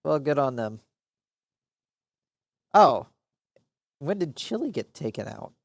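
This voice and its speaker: Man, game streamer, casual rambling commentary, frequent swearing, mid pitch, dry close sound. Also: very animated, slow, creaky, dry recording. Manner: rambling, swears often, mutters to himself. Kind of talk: casual live gameplay commentary.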